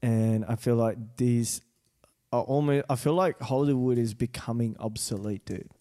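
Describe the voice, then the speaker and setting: A man's voice: medium pitch, moderate pace, dark tone. A man hosting a casual film chat, slangy and sweary, often repeating his words. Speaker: podcast host.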